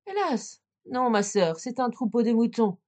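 A woman voicing Sister Anne, a young woman calling down from a tower, mostly calm in a storybook reading. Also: a little high, unhurried.

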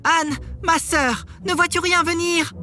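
A frightened young wife, voiced by a male storyteller in a storybook reading. She pleads anxiously in a high falsetto. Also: fairly even intonation, a little slow, sharp tone, soft background music, exaggerated voice.

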